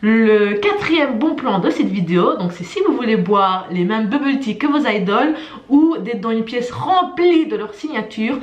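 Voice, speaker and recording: A woman's voice: fairly high pitch, animated, moderate pace, reverberant, muffled recording. A woman co-hosting a travel vlog, presenting tips in a lightly scripted, casual way. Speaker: travel vlogger. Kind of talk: casual guide talk with a co-host.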